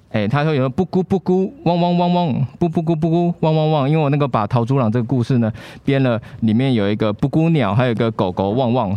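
A man's voice: medium pitch, clean tone, dry recording, dull audio. A man hosts a live children's podcast at an outdoor street event, cheerfully coaxing the children with questions. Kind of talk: live podcast chat with a young audience. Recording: live show with loud band music.

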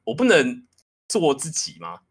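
Young male podcast host, animated, pitch rising and falling freely, candid casual chat. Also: unhurried, slightly rough. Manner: candid, animated, self-deprecating.

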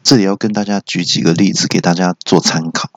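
A man hosting a solo comedy show, telling jokey stories and jumping into shouted character quotes. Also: low-pitched, steady tone, fast, no echo. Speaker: comedy podcast host. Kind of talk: solo stand-up storytelling. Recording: dull lo-fi recording.

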